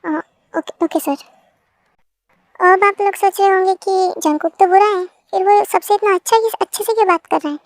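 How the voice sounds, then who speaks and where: A woman's voice: very high-pitched, fairly even intonation, fairly quick, few pauses, dry recording, studio quality. A woman narrating a fan story in a chatty way and speaking straight to her viewers.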